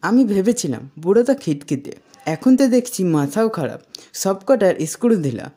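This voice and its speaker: A woman's voice: mid-range voice, big pitch swings, moderate pace, dark tone, breathy edge. A woman reading the mocking inner thoughts of a scheming young woman in a retold TV serial.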